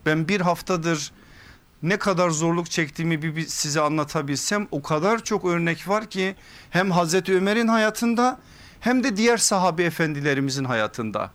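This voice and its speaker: A man preaching from a pulpit microphone, giving an earnest, measured religious lesson that builds to emphatic repeated phrases. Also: fairly high pitch, animated, fairly bright tone. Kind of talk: sermon-style lecture. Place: pulpit in a mosque or lecture hall.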